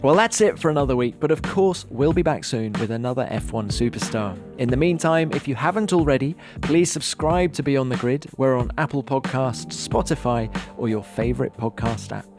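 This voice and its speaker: A man's voice: medium pitch, normal speed, few pauses, music in the background. Upbeat male podcast host. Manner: friendly, upbeat presenter. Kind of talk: podcast interview and scripted outro.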